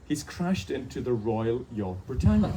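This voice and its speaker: With a Hebridean accent, a guest author from the Outer Hebrides in Scotland shares a self-mocking family anecdote before a bookshop audience, laughing along as he goes. His pitch is medium, and the distant-mic recording of the live event carries heavy background noise.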